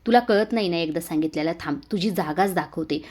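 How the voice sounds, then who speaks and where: A harsh, scolding aunt from a retold serial scene, berating someone at full shout, as a woman reads her lines. The voice sits a little on the low side. The anger stays hard and steady throughout. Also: fast, natural voice.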